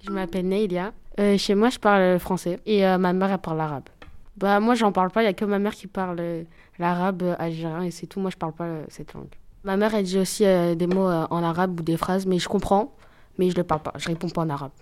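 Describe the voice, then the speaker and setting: A woman's voice: on the low side, fairly even intonation, fast, darkish tone, clean tone. A woman speaking hesitantly about the languages at home, with many fillers. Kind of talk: personal testimony.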